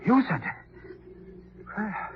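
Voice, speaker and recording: A man's voice: very slow, slight background noise. An actor playing a frightened, guilty man pleading for his life, in 1940s radio acting on a dull lo-fi old broadcast. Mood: shaken. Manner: pleading, panicky.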